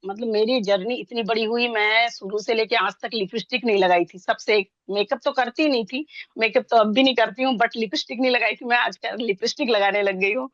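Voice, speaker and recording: An older woman in her sixties pours out an excited personal testimonial, rushing ahead and breaking off into restarts. Her voice sits a little high. The sound is dull and dry, with no room at all. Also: dry recording. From India. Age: 60s. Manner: fast, excited, rambling speech with many restarts. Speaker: interviewee sharing her story.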